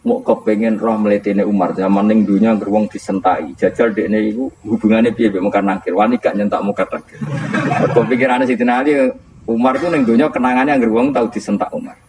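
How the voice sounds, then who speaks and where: A man with a Central Javanese accent giving a relaxed, storytelling sermon, joking and quizzing his listeners. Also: on the low side, brisk, a little hiss or hum, poor audio. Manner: jokey, laughs often, asks the audience questions. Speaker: Islamic cleric teaching a study circle.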